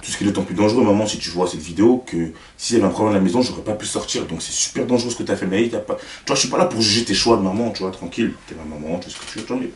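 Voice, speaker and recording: A young man with a French accent, a YouTuber telling stories in a casual, slangy, animated way and talking straight to the viewer. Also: on the low side, rapid-fire, hardly any pauses, far from the mic, a little hiss or hum. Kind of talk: casual storytelling to camera. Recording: roomy, away from the mic, faint music.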